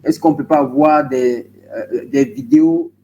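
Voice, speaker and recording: A man's voice: fairly high pitch, huge pitch swings, measured pace, vocal fry, warm tone. A man in a group video call politely asking the coach a question, hesitant with many fillers. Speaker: coaching participant. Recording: dull call audio with faint noise.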